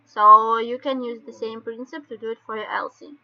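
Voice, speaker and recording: A woman with a Russian accent explains things step by step in halting non-native English, like an informal online training session. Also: a little high, fairly even intonation. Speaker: webinar presenter. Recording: dull lo-fi webinar call audio.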